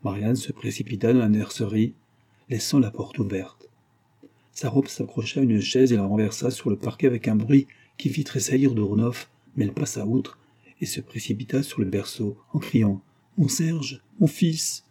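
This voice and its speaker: A man narrates a classic novel in steady, measured phrases. His voice is dark and mellow with a husky grain. He sits a little low in pitch. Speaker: audiobook narrator. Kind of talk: scripted narration.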